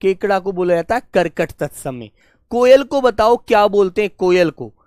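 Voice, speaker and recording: A man teaching a live online exam class in a patient, coaxing way. He repeats every question to his pupils and calls them "beta." He scolds them gently. His voice sounds close and dry, with no room sound around it. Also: sits high, animated, normal speed, no room sound. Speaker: Hindi teacher.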